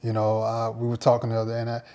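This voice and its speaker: A male pastor giving a personal faith testimony in a reflective, halting way, often repeating words as he searches for them. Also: medium pitch, completely flat delivery, warm tone, smooth.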